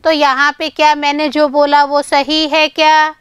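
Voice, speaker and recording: A woman with a high voice teaches English grammar, talking to her students as children and asking questions she answers herself. She reads English lines out slowly and carefully. The sound is dry and close. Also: little pitch movement, fairly bright tone, dry recording. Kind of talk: online grammar lesson.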